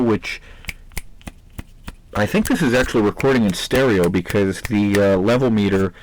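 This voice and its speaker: A man reviewing a voice recorder, walking through its technical specs in a detailed, mildly exasperated way. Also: medium pitch. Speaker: gadget reviewer. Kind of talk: product review with audio tests.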